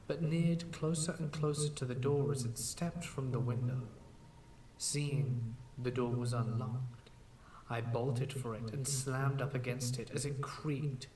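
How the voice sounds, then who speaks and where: A man narrating a scripted horror story in a measured, slow storytelling manner. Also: mid-range voice, darkish tone. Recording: echoey room, distant mic, faint hiss.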